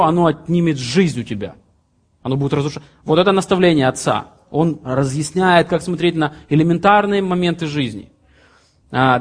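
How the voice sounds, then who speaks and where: A man in his late thirties preaching a sermon, earnestly reading scripture and explaining it with plain everyday examples. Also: fairly high pitch. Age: 30s. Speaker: pastor.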